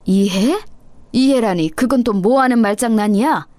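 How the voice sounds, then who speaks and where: A woman's voice: on the high side, normal speed, darkish tone, no room sound, lightly acted. A woman voicing a stern older stepmother-in-law who scolds and accuses her daughter-in-law. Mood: outraged.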